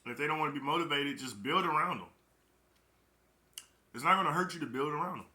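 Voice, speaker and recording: A young man gives a loose motivational talk in a casual, emphatic way, hammering his points home by repeating them. His voice is fairly high and very bright. It rings with the echo of a roomy space. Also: fast talker. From Chicago, Illinois. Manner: emphatic, repeats key phrases. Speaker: network marketing recruiter.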